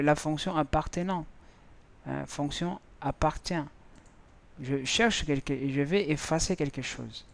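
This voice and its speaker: Guy teaching code, slightly high voice, talks slow and stop-start, keyboard clacking behind. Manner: halting, repeats words, thinks aloud while typing. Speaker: programming teacher. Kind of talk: screen-recorded coding tutorial.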